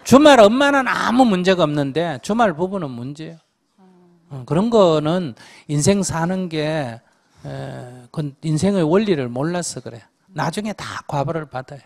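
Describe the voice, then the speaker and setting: A man's voice: fairly high pitch, lively intonation, moderate pace, creaky. An older man, a Buddhist monk, bluntly advising a questioner in a Q&A talk, scolding and teasing. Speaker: Buddhist monk giving advice. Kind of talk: Q&A dharma talk.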